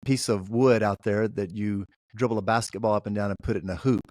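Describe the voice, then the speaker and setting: A man's voice: on the low side, steady tone, fast, a little mellow, no echo, clean studio sound. A man, a pastor, hosting a podcast interview and reflecting the guest's words back. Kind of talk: conversational interview.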